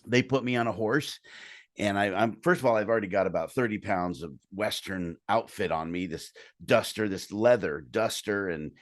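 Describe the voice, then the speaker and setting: A man's voice: on the low side, moderate pace, no echo, studio quality. A man hosting a podcast, chatting casually and joking with his guest over a video call. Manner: joking, animated storyteller. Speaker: podcast host. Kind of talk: casual interview chat.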